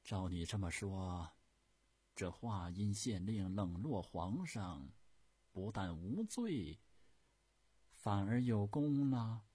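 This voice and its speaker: A man's voice: on the low side, lively intonation, slow, warm tone, slightly rough, no room sound, voice pushed up, heavily acted. A man voicing an imperious, irritable old empress dowager who talks in a haughty, demanding way.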